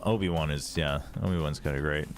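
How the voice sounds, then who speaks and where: A very deep, fairly quick voice with an American East Coast accent leads a casual esports livestream over faint music. The speaker is a watch party host and analyst, keeping his commentary and chat informal.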